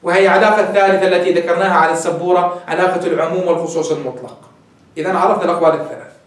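A man's voice: sits high, fairly even intonation, rapid-fire. A male sheikh giving a classroom lecture on hadith terms, asking his students questions and answering them himself. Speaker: sheikh teaching hadith terminology. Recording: very echoey room, voice from far off.

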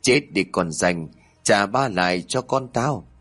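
A man voicing a cruel, frantic woman in a horror story, shrill and sobbing. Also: expressive, a little slow, fairly bright tone. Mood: vicious.

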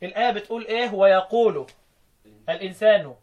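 An Egyptian man teaching Quran recitation, quizzing his students and slowly chanting verse lines between his explanations. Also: high-pitched, a little mellow, highs cut off. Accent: Egyptian Arabic. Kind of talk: interactive classroom lesson.

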